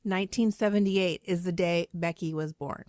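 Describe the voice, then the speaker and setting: A woman's voice: lowish voice, moderate pace, no room sound, clean studio sound. Chatty woman podcast host. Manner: chatty, laughing, lively emphasis. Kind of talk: casual podcast chat.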